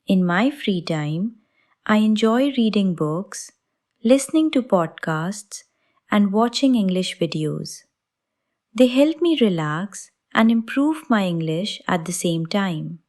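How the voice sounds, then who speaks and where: Woman playing a calm young woman introducing herself. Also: medium pitch, takes it slowly.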